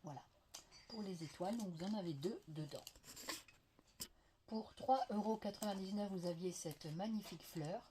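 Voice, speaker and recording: In a casual crafting haul video, a French woman chats and gushes with many fillers, pausing often at a normal speed. Her medium-pitched voice has a dark tone and is slightly veiled from a lingering cough. A little hiss or hum runs under faint dish clatter.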